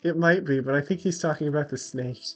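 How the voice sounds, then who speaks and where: A man's voice: fairly high pitch, quick pace, faint music behind. A man co-hosting a casual let's play, reading the game text aloud and laughing often. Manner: amused, laughs often between lines.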